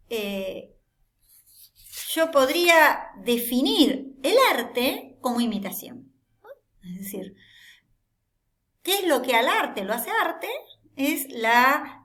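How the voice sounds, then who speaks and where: A woman gives a philosophy lecture at an unhurried pace. Her fairly high voice rises and falls widely as she works through ideas with rhetorical questions. She keeps checking in with her listeners. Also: a bit bright. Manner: explains step by step with rhetorical questions and frequent tag "¿no?". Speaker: teacher.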